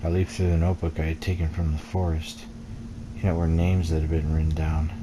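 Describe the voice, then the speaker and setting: Reading the game's first-person text out loud for a let's play, a man with a deep voice keeps a level tone and a slow, brooding, dramatic delivery. Game ambience and clear noise sit in the background.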